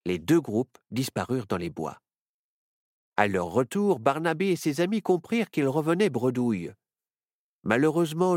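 Expressive children's story reader. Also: mid-range voice, no echo, studio quality. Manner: lively, expressive narration.

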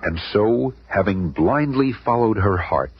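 A man narrates a superhero radio serial with grandiose, theatrical storytelling, his lowish voice expressive and unhurried. The dramatic scripted narration is suspenseful, and the old radio recording sounds noisy and muffled.

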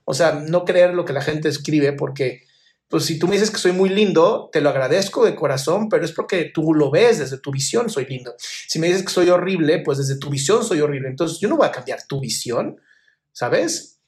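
A man's voice: on the high side, lively intonation, normal speed, a little mellow. A man hosting a live stream, reading viewer questions aloud and answering them with frank emotional advice, calling viewers "my love.". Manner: affectionate, calls viewers "my love".

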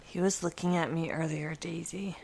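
Woman, tabletop player, fairly low voice, teasing, casual. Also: fairly even intonation, normal speed, gravelly, darkish tone, breathy edge. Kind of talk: casual tabletop role-play.

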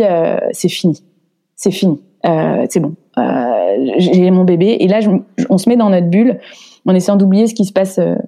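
A woman's voice: on the low side, dark tone. A woman in her thirties telling a personal story in an interview, hesitant with many restarts, emotional and indignant.

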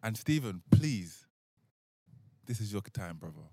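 Guy, lowish voice, swings up and down a lot, casual podcast banter. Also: very animated, unhurried, dark tone, a little hiss or hum. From London. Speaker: podcast co-host.

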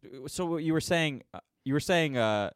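A man's voice: on the high side, lively intonation, moderate pace, smooth, dry recording, studio quality. Teasing man in casual banter. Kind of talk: casual chat.

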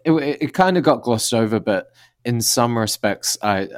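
A man's voice: mid-range voice, lively intonation, normal speed, no room sound, clean studio sound. A man co-hosting a podcast, talking things through in a thoughtful, conversational way with a bit of slang. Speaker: podcast co-host. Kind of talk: casual chat.

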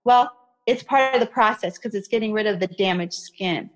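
Speaking at a normal speed in a medium-pitched voice, a woman explains skincare as a guest expert in a conversational interview, often saying "you know." She comes from an Iraqi family and was raised in America.

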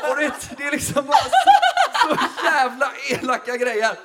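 High-voiced man telling a story. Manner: animated, laughing storytelling with acted-out quotes. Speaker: comedian. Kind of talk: storytelling on a comedy podcast.

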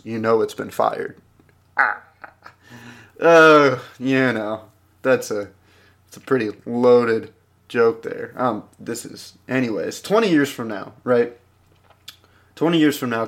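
Young guy reading jokes off a page, laughs at his own stuff, rambly asides. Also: mid-range voice. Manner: casual, giggly, rambling asides. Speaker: joke reader. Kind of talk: reading jokes aloud with commentary.

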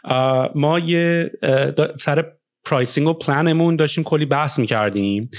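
Guy from iran chatting podcast style about his startup, kinda high voice, lots of uh and you know, throws in english bits. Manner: mixes English phrases into Persian, frequent "uh" fillers and "you know". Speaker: startup founder. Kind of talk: casual podcast conversation. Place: Canada.

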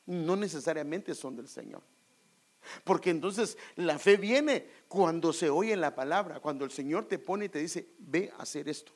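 A man preaching a sermon to his congregation, animated and emphatic, acting out quoted voices and calling them brothers. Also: on the high side. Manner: acts out quoted voices, rising to loud emphatic peaks. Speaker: pastor.

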